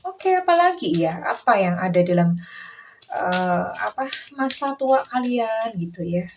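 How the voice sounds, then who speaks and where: A woman's voice: on the high side, expressive, measured pace. A woman giving a casual, chatty tarot reading, slipping English phrases into her talk and acting out quoted lines. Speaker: tarot reader. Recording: distant, dull lo-fi mic with faint noise.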